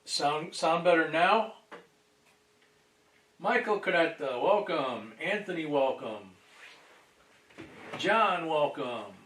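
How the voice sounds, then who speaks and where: Higher-voiced man livestreaming, distant from the mic. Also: expressive, slow, pauses often, fairly bright tone, slight background noise. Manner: distant from the microphone. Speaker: livestream host. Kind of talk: casual livestream chat, greeting viewers. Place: indoors at a table. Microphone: boom microphone. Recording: roomy echo, distant microphone.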